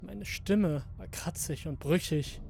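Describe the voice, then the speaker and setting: A narrator reading a horror story in a hushed, scripted storytelling manner. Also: mid-range voice, takes it slowly, vocal fry, soft background music.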